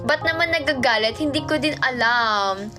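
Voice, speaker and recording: A woman's voice: high-pitched, lively intonation, normal speed. A young woman from the Philippines on a casual livestream, reading fan comments aloud and answering them playfully. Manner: reads viewer comments aloud and answers them playfully, mixing English and Filipino. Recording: livestream with background music. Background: music playing in the background.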